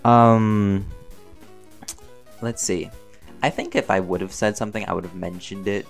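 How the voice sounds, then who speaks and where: Over music, a voice actor and audio creator answers fan questions in a casual, playful, rambling Q&A. His voice is lowish, gravelly and steady in tone, and he takes his time, chatting and thinking aloud.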